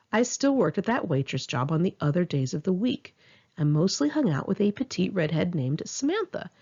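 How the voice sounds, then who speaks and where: A woman with a deep, slightly mellow voice and a breathy edge reads her own memoir aloud, the recording's highs cut off. Her informal first-person audiobook narration is candid, wry, and conversational, with asides.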